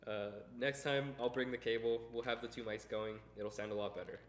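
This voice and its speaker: A man's voice: mid-range voice, steady tone, fairly quick, slight background noise. A young man co-hosting a casual podcast in a rambling, self-deprecating way, recorded on a shared mic in a roomy space. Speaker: podcast co-host. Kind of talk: casual unscripted podcast chat. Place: indoor room, around a table. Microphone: one shared mic on a table.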